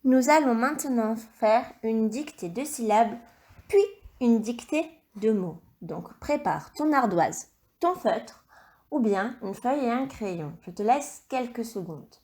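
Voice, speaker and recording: A woman teacher recording a video lesson for young children, dictating words slowly and clearly and encouraging the child. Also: on the high side, expressive, a little mellow. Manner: slow, clear dictation with stretched syllables; encouraging, addresses the child directly. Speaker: primary school teacher.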